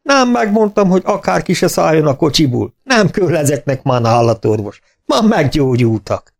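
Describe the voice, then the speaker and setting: A man's voice: a little high, sing-song, gravelly, darkish tone, voice pushed up. A man voicing a middle-aged male farmer who talks in a blunt, rustic, exclaiming way, raised above his own voice. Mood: jubilant.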